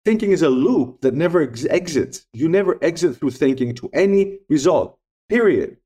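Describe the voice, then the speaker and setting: A podcast guest in middle age whose first language is Greek shares stories and reflections with earnest emphasis, returning again and again to his main points. He speaks at a normal speed in a slightly high, expressive voice that is warm and a bit rough.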